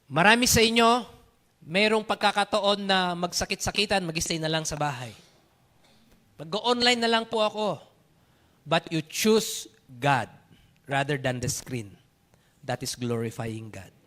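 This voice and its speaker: A man with a Filipino accent preaching a sermon, animated, telling stories and switching between Tagalog and English. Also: on the high side, measured pace. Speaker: pastor.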